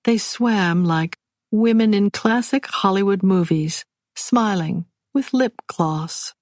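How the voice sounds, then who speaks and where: A woman giving measured, wry first-person audiobook narration. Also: medium pitch, a little mellow, no echo, studio quality.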